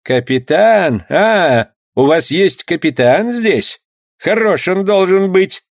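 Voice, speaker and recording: A man's voice: on the high side, expressive, normal speed, no echo, clean studio sound, pitched above the performer's own voice. A man playing an indignant old sea skipper. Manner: indignant, impatient. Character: stubborn old male ship's skipper.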